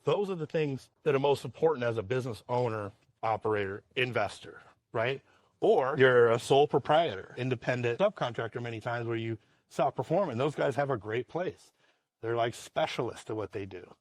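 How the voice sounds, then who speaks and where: A man's voice: mid-range voice, normal speed, no echo. A man who owns a roofing company, answering interview questions in a casual, rambling way, often repeating words and chuckling. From Washington state, USA.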